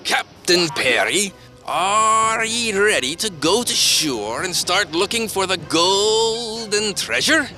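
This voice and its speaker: Jolly pirate, animated and slow, music behind. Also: medium pitch. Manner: boisterous pirate talk. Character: jolly pirate host, lively. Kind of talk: children's TV puppet comedy.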